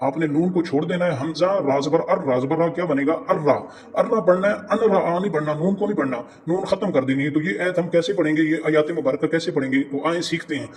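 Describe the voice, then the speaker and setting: A man teaching Quran reading step by step, spelling out letters and vowel marks slowly and repeating words patiently. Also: on the high side, darkish tone. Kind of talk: step-by-step lesson.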